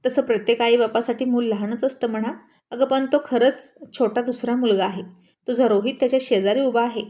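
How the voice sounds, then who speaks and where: A woman voicing a gently amused older father in a storybook reading, reassuring in manner. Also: fairly high pitch, steady tone, brisk, close to an everyday voice.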